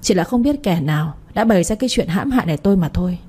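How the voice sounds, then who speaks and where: A man's voice: high voice, animated, quick pace, darkish tone, slightly rough. A woman voicing an indignant young interpreter. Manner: protesting, insistent.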